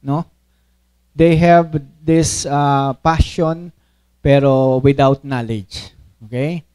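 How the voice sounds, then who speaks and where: A pastor with a medium-pitched, clean voice draws out his words while preaching in Taglish. He animatedly acts out the speech of people in the story and keeps checking in with listeners through "okay?" and "no?"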